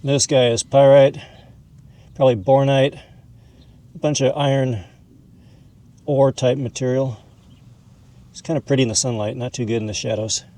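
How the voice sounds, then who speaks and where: A mineral hobbyist educator hosts an informal teaching video, talking folksily and conversationally as he demonstrates, calling items "this guy." His mid-range voice is warm and steady, moving at a moderate pace with frequent pauses.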